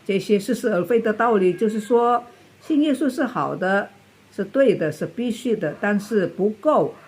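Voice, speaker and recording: A woman summing up a sermon in a calm, measured way. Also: mid-range voice, slightly rough. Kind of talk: sermon summary.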